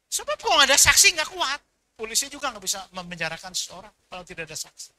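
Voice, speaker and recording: Male preacher, high-pitched and piercingly bright, animated storyteller. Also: fast. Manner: animated storytelling, mixing in Sundanese dialogue and acting out people in his stories. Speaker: pastor. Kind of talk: sermon.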